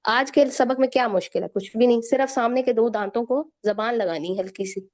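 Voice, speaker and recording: A woman with a Pakistani Urdu accent teaching Quran recitation in an online lesson, patiently drilling each letter sound slowly and repeating it. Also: on the high side, darkish tone.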